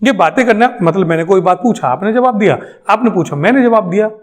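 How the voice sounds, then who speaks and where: A man's voice: high-pitched, expressive, brisk. A male English trainer, lecturing a class emphatically and answering his own questions. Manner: emphatic, repeats points, asks questions then answers them.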